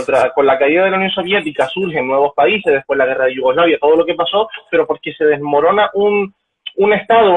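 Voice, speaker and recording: A man's voice: a little high, breathy edge. A man, calling in as a guest, talking politics earnestly and building points with examples over a crackly, choppy phone line. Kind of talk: political discussion.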